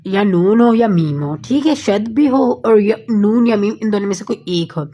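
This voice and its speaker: Patient woman, Quran recitation teacher, mid-pitched voice, slows down to recite the Arabic examples. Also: expressive, mellow. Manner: patient, repeats points with frequent checking fillers. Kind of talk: online tajweed lesson.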